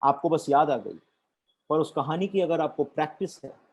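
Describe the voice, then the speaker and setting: A man giving a corporate training talk on storytelling, deliberate and switching between Hindi and English. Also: fairly high pitch, darkish tone, breathy edge.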